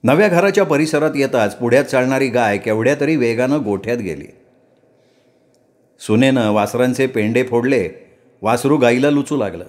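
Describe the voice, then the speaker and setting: A middle-aged male storyteller giving a measured, expressive story narration. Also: mid-range voice. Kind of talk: Marathi story reading.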